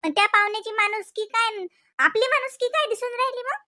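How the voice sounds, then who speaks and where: A woman voicing a sharp-tongued village wife in a cartoon, with an indignant, scolding manner. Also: a little fast, no echo, studio quality. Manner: scolding, indignant, high and shrill.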